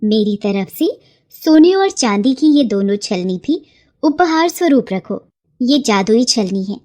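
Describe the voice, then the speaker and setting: A woman's voice: a little high, lively intonation, unhurried, darkish tone. A woman voicing a female pond goddess in a cartoon, kind to the honest and scolding to the greedy. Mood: kindly. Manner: solemn, rebuking.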